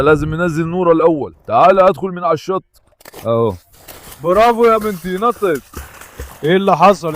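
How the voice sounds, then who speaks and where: A man with an Egyptian Arabic accent making a casual vlog outdoors at the seashore, eagerly and affectionately calling out to his dogs on a handheld microphone. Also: fairly high pitch.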